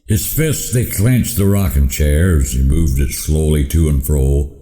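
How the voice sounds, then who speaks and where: A man's voice: rumbling low, a little slow, mellow. A man with a folksy cowboy drawl, reciting a rhymed cowboy poem as a storyteller. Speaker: cowboy poet. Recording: roomy echoing hall.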